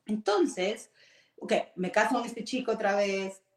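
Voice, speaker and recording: A woman's voice: medium pitch, a little slow. A middle-aged woman with an Argentine accent telling a personal story to her audience in a candid, confiding way, slipping in English words. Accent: Argentine Spanish. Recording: echoey room.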